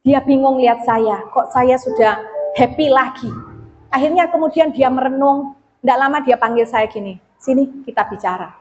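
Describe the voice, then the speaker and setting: A woman's voice: high voice, moderate pace, a little mellow, lo-fi sound, faint music behind. A woman preaching at a church service, telling personal anecdotes and often addressing the congregation directly. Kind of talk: storytelling sermon.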